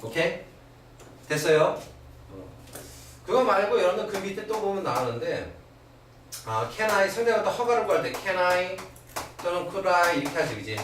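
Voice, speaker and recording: In an academy classroom, a middle-aged man with a high voice lectures on English grammar at a moderate pace, leaving long pauses. He is animated and keeps checking on his students with "그지?" and "오케이?". A far-off camera caught it, so this old recording is very echoey, with faint hiss.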